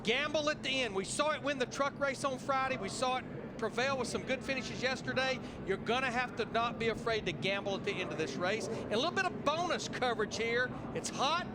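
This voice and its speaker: A man's voice: very high voice, lively intonation, brisk. A man giving live motorsport commentary as an analyst, with folksy, colloquial phrasing. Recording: loud engine and outdoor track noise.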